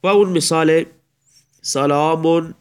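Slightly high-voiced male grammar teacher. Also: fairly even intonation, clear, resonant tone. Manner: explains step by step, recites examples in a raised voice. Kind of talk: recorded grammar lecture.

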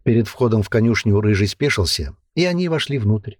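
A male narrator reads the audiobook in a steady, storytelling manner. His voice is low and husky, set in a dry, close recording. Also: brisk, no echo.

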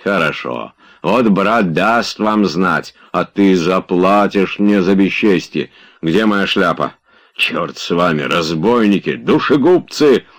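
A man voicing a crude, bullying middle-aged man who shouts abuse in an audiobook reading. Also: sits low, slow, heavily acted. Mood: shouting, abusive. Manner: shouting, abusive, blustering.

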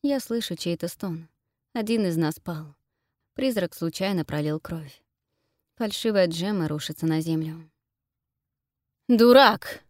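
A woman narrating a first-person fantasy audiobook with an expressive, dramatic reading. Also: lowish voice, unhurried, no room sound, studio quality.

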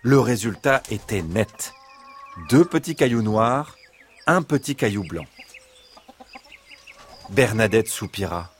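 A man narrating a children's bedtime story in an expressive, dramatic storytelling manner. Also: fairly low pitch, takes it slowly, pauses often, slight background noise.

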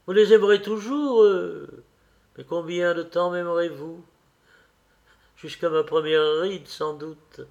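An anguished, vain young man, obsessed with staying young, pleads in a high, impassioned, theatrical voice, as a male audiobook reader puts him on. His slow delivery carries a gravelly edge. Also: steady tone, darkish tone, dull audio.

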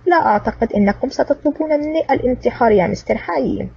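A woman's voice: mid-range voice, animated, rapid-fire, gravelly, breathy edge, no room sound, heavily acted. A woman doing a coolly sarcastic male hero. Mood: cool sarcasm. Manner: cold, mocking sarcasm. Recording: distant, dull lo-fi recording.

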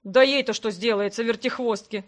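A woman voicing a huge half-troll navigator who talks loudly and excitedly in an audiobook. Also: a little high, normal speed, natural voice. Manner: loud and excited.

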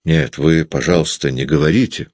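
A man's voice: rumbling low, moderate pace, a little mellow, no room sound. A man voicing a shy but stubborn teenage schoolboy. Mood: defensive.

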